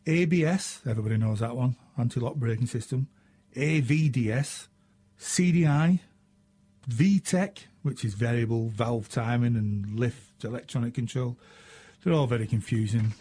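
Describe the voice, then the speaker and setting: Husky northern English radio host. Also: male voice, mid-range voice, warm tone. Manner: chatty, self-mocking, frequent ums and uhs. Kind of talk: casual radio chat answering listener questions.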